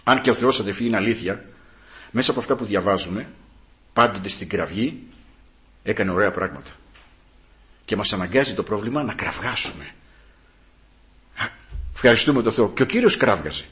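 A man preaching a sermon, moving from calm teaching to loud, fervent calls and often repeating hallelujah. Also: on the low side, pauses often.

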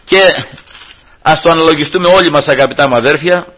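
Male preacher, high and husky, sermon storytelling with rhetorical questions. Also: a bit bright, highs cut off. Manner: addresses listeners as brothers, rhetorical questions, voices characters in quotes. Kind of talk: sermon retelling a Bible story.

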